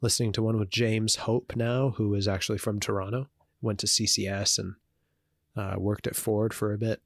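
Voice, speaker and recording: A man with a fairly low voice chats casually as a podcast co-host. He rambles, filling gaps with ums and restarting his sentences. The sound is dry and close, with no room echo. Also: flat delivery, normal speed. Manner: rambling, many fillers and restarts.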